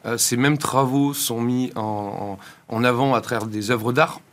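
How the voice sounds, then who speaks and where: Man, interview guest, explanatory, measured phrasing with pauses, average pitch. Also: steady tone. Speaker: institute director and founder, interview guest.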